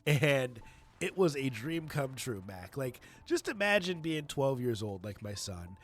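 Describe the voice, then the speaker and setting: A man's voice: medium pitch, big pitch swings, a little slow, soft background music. A middle-aged man hosting a podcast in a casual, conversational style. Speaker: podcast host.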